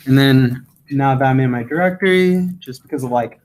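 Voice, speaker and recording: A man's voice: mid-range voice, moderate pace, darkish tone, low-quality recording. A young man teaching a coding class, talking casually with lots of fillers and repeated "yeah"s. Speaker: course instructor.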